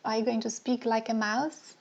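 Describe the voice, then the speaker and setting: A woman's voice: on the high side, steady tone, moderate pace, creaky, darkish tone, dull audio. A woman dating coach leading a live online session, asking the audience many questions and repeating her phrases for emphasis.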